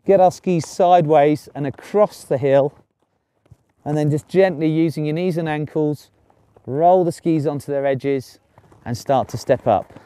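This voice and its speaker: A middle-aged man presenting an instructional lesson as a ski instructor, explaining clearly step by step outdoors. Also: a little high, measured pace, dark tone, dry recording. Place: outdoors on a snowy ski slope.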